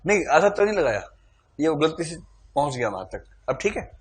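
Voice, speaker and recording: A man's voice: on the high side, sing-song, brisk. A man teaching a classroom lecture, playfully quizzing his students and calling on them to answer.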